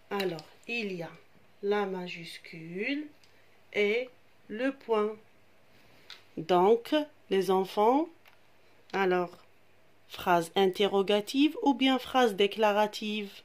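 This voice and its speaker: Slow-paced woman teaching children grammar. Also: medium pitch. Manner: slow, repeats terms, addresses children, switches to Arabic to explain. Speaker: primary school French teacher.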